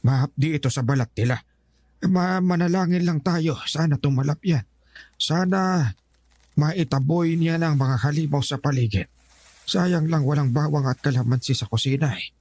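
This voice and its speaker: A man's voice: on the high side, normal speed, a little mellow, dry recording. A grave old village grandfather. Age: older. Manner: stern, urgent warnings. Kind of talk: audio horror drama acting.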